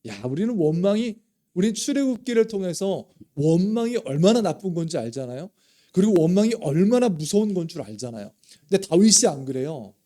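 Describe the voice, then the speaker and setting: A middle-aged male pastor preaching, his voice a touch high and warm in tone. He speaks conversationally to the congregation and slips into heated, dramatic readings of prayers. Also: very animated, brisk. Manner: emotive, dramatizing quoted prayers with rising intensity. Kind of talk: sermon.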